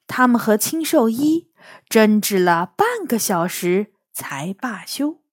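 A woman narrating a children's story in first person, with lively, expressive delivery. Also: mid-range voice.

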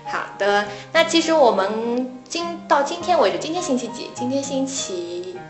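A woman's voice: sits high, animated, normal speed, reverberant, over music. A woman co-hosting a casual English lesson show, chiming in with playful, teasing remarks. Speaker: English tutor co-host. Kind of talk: casual radio-style chat.

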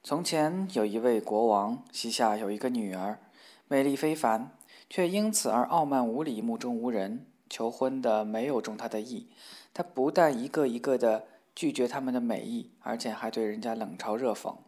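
A man narrating a fairy tale at a measured pace with expressive storytelling delivery. His voice sits at an ordinary middle pitch.

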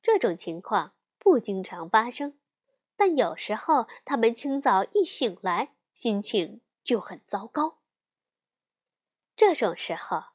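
Slow, expressive woman reading a storybook. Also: on the high side, husky.

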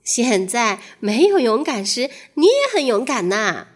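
A woman voicing a kind, wise giraffe in a children's storybook, speaking in a gentle, earnest way. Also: fairly high pitch, sing-song, a little slow.

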